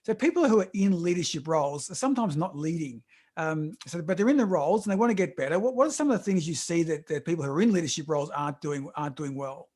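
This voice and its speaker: Rapid male interviewer, lightly high pitch, restarts often. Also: lively intonation, a little mellow, husky. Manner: fast, restarts words often. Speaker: podcast host. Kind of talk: casual interview chat.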